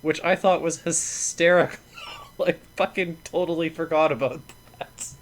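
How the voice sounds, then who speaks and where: A man's voice: a little high, fairly even intonation, normal speed, a little hiss or hum. Swearing, ranting podcast man. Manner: blunt, swears freely, laughs and rants. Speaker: podcast co-host. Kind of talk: casual podcast chat.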